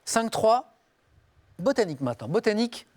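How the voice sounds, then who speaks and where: A man's voice: high-pitched, very animated, moderate pace, darkish tone. A man hosting a television quiz show, reading clues in the first person and calling on the players by name. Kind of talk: game show question reading.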